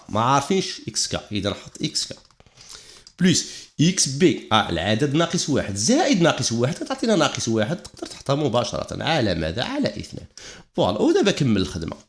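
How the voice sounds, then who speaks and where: A man with a Moroccan accent teaching a math lesson step by step, dropping French math terms into his explanation. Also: medium pitch.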